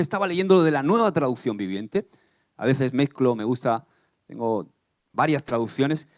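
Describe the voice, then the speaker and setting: A man from Spain preaching a sermon in church, animated and often asking the congregation questions. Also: on the high side. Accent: Spanish from Spain. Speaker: pastor.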